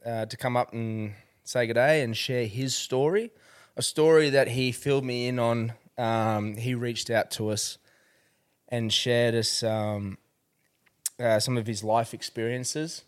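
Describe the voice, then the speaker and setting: Casting: male Australian podcast host, laconic outback drawl, mid-range pitch, casual and sincere. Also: fairly even intonation, a little slow, clean tone. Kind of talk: casual, sincere interview chat.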